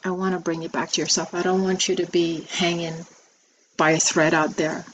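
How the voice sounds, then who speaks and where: A woman giving a spiritual message video, soft-spoken and reflective, with many pauses and ums. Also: on the low side, flat delivery, a little hiss or hum, rough recording. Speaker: spiritual teacher.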